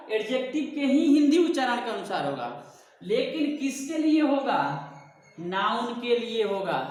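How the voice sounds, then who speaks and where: Man, English grammar teacher, video lesson, drilling question-and-answer manner, high voice, strong room echo. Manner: repeats his own questions and answers them, drilling points. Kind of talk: classroom-style video lesson. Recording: very echoey room.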